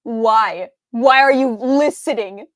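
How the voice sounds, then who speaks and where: A woman's voice: fairly high pitch, slow, dry recording. A young adult woman streamer doing game reaction commentary, ranting in an exasperated tone and swearing freely.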